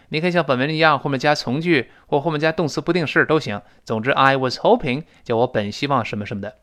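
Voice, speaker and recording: Man drilling English phrases. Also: medium pitch. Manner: explains pronunciation in Mandarin with lively stress. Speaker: English teacher. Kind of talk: spoken English lesson.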